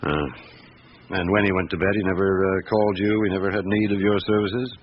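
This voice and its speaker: An actor playing a patient, persistent police chief inspector questioning a witness in a radio drama, with deliberate hums and pauses. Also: male voice, deep voice, steady tone, natural voice. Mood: patient, probing. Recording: dull lo-fi radio recording with clear hiss.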